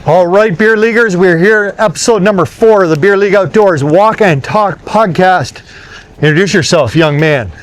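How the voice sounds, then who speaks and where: A man with a fairly high voice hosts a relaxed walk-and-talk podcast out on a country road. He keeps the chat moving with eager yeahs and surprised reactions. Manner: upbeat, quick affirmations, exclaims "no way". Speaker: podcast host.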